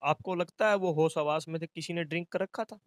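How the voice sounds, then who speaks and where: Male news reporter, high voice, probing questions, dry sound. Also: fairly quick, dry recording. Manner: probing, asks short pointed questions. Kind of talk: news interview.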